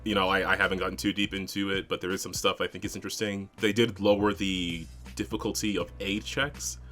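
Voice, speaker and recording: A man's voice: low-pitched, little pitch movement, fairly quick, sharp tone, soft background music. A man co-hosting a podcast, chatting casually about running tabletop games, rambling with lots of fillers and frequent laughs. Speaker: podcast co-host and game master. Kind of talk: casual chat.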